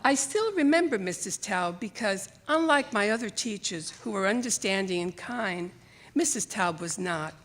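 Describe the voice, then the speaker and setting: At a live library theater event, a writer performs her scripted memoir with an expressive, storytelling delivery, acting out conversations from memory. She is an older woman of Greek origin who emigrated to America young and grew up with Greek or Italian; her pitch is medium and her speed normal.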